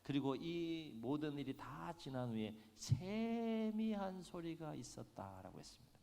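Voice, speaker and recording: A man's voice: fairly high pitch, measured pace, vocal fry. A male senior pastor preaching an afternoon sermon, retelling the story dramatically with a voice that rises and drops. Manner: lively preaching, voice swelling and dropping, dramatic retelling. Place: church sanctuary. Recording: long hall reverb.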